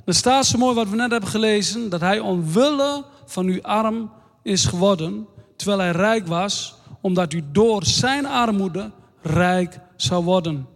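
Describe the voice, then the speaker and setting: A man preaching a sermon in a slow, earnest way, reading scripture aloud. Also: high-pitched, vocal fry. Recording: long hall reverb.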